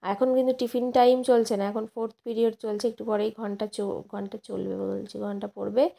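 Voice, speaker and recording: Chatty woman with a gravelly voice. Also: mid-range voice, level tone, brisk, warm tone. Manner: chatty, rambling, self-correcting. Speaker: vlogger and schoolteacher. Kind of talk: casual vlog narration.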